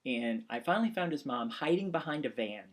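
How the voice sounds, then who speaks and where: A man's voice: medium pitch, expressive, a little fast. A man in his forties, an instructor and pastor, talking in a casual, earnest, rambling way in a course announcement video, with many restarts. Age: 40s.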